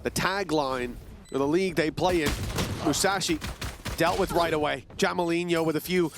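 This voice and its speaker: A man working as an esports caster, calling the match live in an excitable, dramatic play-by-play style. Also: a little high, moderate pace, background noise.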